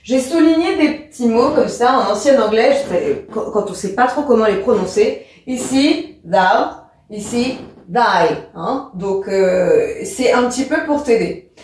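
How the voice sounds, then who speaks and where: A woman's voice: on the high side, animated, unhurried, a little mellow, recorded from a distance. A woman teacher giving a lesson, patient and step-by-step. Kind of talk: explanatory lesson. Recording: very echoey room.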